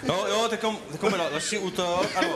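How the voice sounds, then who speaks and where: A man's voice: high voice, crowd noise. A man leading an improvised role-play exercise, guiding participants with frequent restarts. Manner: guiding, with restarts and self-corrections. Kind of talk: instructing participants. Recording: loud background noise.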